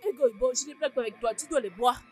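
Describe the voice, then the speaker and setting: A woman's voice: fairly high pitch, quick pace, warm tone, natural voice. A woman voicing a jealous, scheming wife in a French film dub, speaking in a harsh, commanding way. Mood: cold. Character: jealous, scheming adult wife, cruel and threatening.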